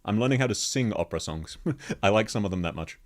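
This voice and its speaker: A VTuber streamer with a very deep bass voice chats casually with viewers on a live stream, answering their questions. He's chatty, laughs constantly, and talks quickly with lively intonation, while his streaming mic level shifts as he moves.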